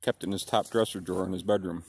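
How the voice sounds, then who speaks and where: Deep-voiced american guy in his 50s, pipe in his mouth, slow rambly storytelling. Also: steady tone, a little mellow, breathy edge. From United States. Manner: slow, rambling, circles back with "anyway". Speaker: pipe-smoking vlogger. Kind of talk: casual reminiscing monologue.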